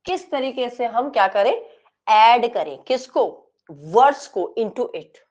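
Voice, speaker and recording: A woman's voice: on the high side, expressive, darkish tone. A woman lecturing an exam class, mixing Hindi and English. She dictates notes word by word and checks in with her students often. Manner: explains in quick Hindi with frequent checks like "ठीक है?".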